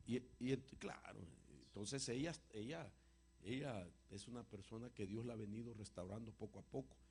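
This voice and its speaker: Gravelly-voiced man preaching a testimony. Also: on the low side, normal speed. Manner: emotional storyteller, voice swings from loud to hushed. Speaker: apostle answering congregation questions.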